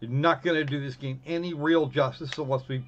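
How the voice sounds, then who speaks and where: A man hosts a live game stream, chatting casually as he plays, rambling and frequently correcting himself mid-sentence. His fairly high voice holds a steady tone at a slightly fast pace, and the recording is dull and lo-fi.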